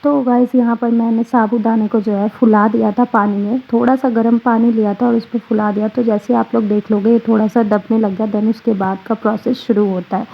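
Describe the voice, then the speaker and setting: A woman's voice: a little high, flat delivery, fairly quick, vocal fry, few pauses, highs cut off, soft background music. A woman vlogger giving a casual step-by-step cooking voice-over with chatty asides.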